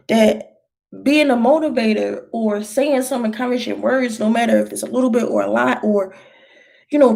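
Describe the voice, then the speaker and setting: A woman in her thirties, a vlogger, answers viewer questions in casual chat, rambling loosely and encouragingly with plenty of slang. Her voice is fairly high-pitched, gravelly, and warm.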